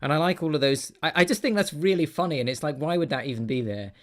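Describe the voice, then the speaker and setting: A man hosting a film podcast, rambling and relaxed, often restarting his sentences. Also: a little high, fast talker. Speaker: podcast host. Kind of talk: casual film chat.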